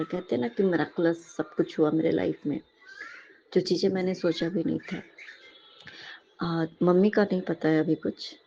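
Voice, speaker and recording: A woman speaking, sharing a devotional testimony with a congregation in halting speech full of fillers, often turning to address her listeners respectfully. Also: fairly low pitch, gravelly, a little mellow, muffled recording.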